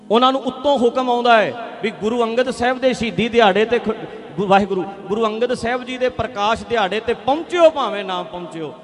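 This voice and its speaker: In a large hall, a high-voiced male preacher delivers an impassioned religious speech. He's emphatic, packed with rhetorical questions, and swings between loud and hushed.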